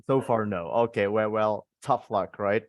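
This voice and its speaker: This lo-fi, dry recording captures a fairly low-pitched man talking at normal speed. He teaches English live in a relaxed, conversational way with an Indonesian accent, going back and forth between two languages and encouragingly repeating words and phrases as he explains.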